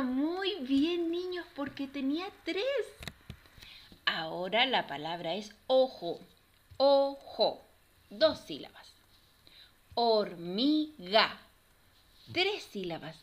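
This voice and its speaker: A woman's voice: fairly high pitch, fairly bright tone. A woman teacher presenting a children's lesson, stretching out words and syllables in a sing-song, encouraging manner. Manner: slow, sing-song, exaggerated syllables for kids.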